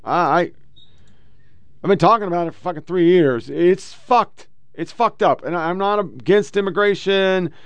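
A man's voice: high voice, normal speed, smooth, no room sound, lo-fi sound. An American man hosting casual political commentary, blunt and full of swearing. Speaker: host.

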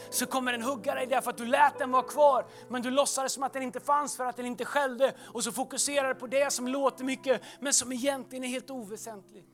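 A middle-aged man preaching a sermon, moving from hushed, thoughtful passages to loud, fervent appeals. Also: extremely high pitch.

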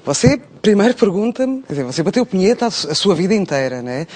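A man's voice: high voice, very animated, fast, darkish tone. A man voicing a brash middle-aged agony aunt on a comic radio phone-in, with a European Portuguese accent and a blunt, mocking, theatrical delivery. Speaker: radio advice host.

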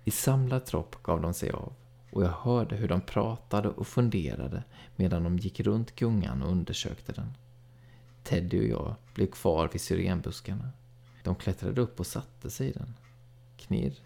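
A man narrating a first-person story in a calm, even storytelling read. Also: deep voice, creaky. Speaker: audiobook narrator.

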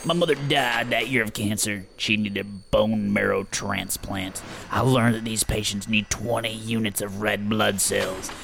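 A man reading as a gravelly, brooding ex-cabbie. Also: lowish voice, fairly even intonation, unhurried, few pauses, a bit bright, faint music behind, heavily acted. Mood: solemn. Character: brooding male ex-taxi driver narrating. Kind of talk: script read-through.

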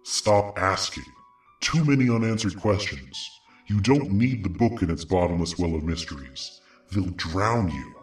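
A man's voice: low voice, unhurried, reverberant, recorded from a distance, faint music behind, pitched below the performer's own voice. A man reading a story, voicing a dull, droning voice that speaks inside a character's mind. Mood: commanding. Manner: flat, droning, commanding.

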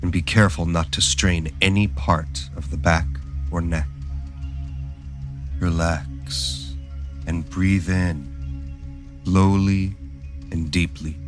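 Soft, slow, low-voiced man guiding meditation. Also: over music. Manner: soft, calm, soothing delivery. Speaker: guided meditation instructor. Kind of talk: guided meditation narration.

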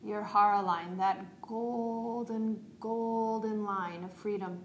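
In a room with a roomy echo and faint background noise, a female yoga teacher talks listeners through a guided meditation. Her medium-pitched voice stays calm, meditative, and unhurried.

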